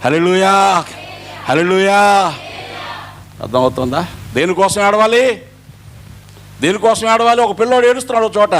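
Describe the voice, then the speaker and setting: A man's voice: sits high, a little fast, long pauses, fairly bright tone, a little hiss or hum. A middle-aged male pastor preaching an Easter sermon, acting out dialogue as he goes.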